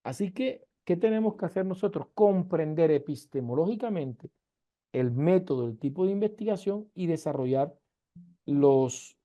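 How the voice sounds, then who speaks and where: A man's voice: on the high side, expressive, normal speed, dark tone. A man from Colombia's Caribbean coast, with its accent, teaching an online university class in an emphatic way full of rhetorical questions, on a video call. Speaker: university lecturer.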